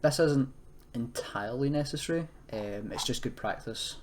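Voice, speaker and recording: Mid-range and moderately paced, this young man's voice carries a casual, unplanned coding tutorial from a university student. He explains hesitantly and corrects himself, with clear background noise and computer keyboard typing in the recording.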